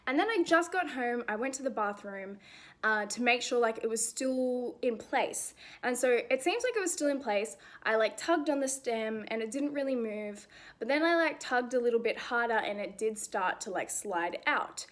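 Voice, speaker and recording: Young aussie woman vlogging a product review, chatty, says like a lot, fairly high voice. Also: lively intonation, moderate pace, fairly bright tone. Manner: chatty and encouraging, frequent "like" fillers. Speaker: women's health video host. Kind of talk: casual product review vlog.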